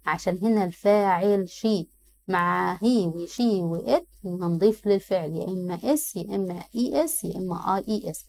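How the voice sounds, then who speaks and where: A woman with an Egyptian Arabic accent, an English teacher going through exam answers. She reads the English options out slowly, then explains them in Arabic. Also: on the low side, gravelly, a little mellow, a little hiss or hum.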